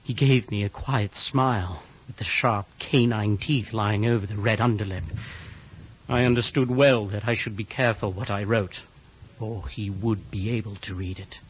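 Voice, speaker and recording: A man's voice: on the low side, steady tone, moderate pace, husky. A young man voicing a nervous young male clerk held prisoner, who narrates a radio drama in an earnest, increasingly fearful way. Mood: grave. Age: young adult. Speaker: narrator and lead character. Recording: dull lo-fi audio with music behind.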